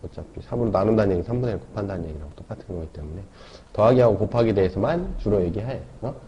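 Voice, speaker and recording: Low, mellow male math teacher. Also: animated, very fast. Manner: explains step by step with frequent tag questions. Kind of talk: classroom lecture. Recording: dull lo-fi lecture recording.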